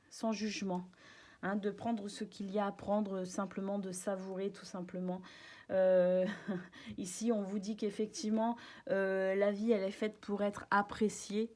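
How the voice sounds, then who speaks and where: A woman giving a casual tarot reading, gentle and reassuring, often pausing on fillers. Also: mid-range voice. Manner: gentle, reassuring, frequent fillers and soft laughs. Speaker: tarot reader.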